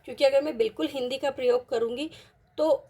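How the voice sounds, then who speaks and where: A woman teaching an online Hindi lesson, patiently mixing in English words and repeating each example word slowly. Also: sits high, steady tone, dark tone.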